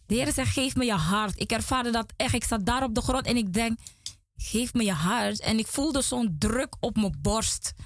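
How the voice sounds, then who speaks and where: Woman sharing her faith testimony in a small studio, kinda high voice, dry close sound. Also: normal speed, dry recording. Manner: emotional, earnest, repeats words. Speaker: guest giving testimony. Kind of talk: religious testimony.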